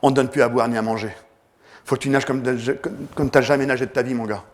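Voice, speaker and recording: A man's voice: mid-range voice, fairly even intonation, quick pace, voice pushed down, lightly acted. A man voicing a serious swimming coach who gives a grave, insistent warning.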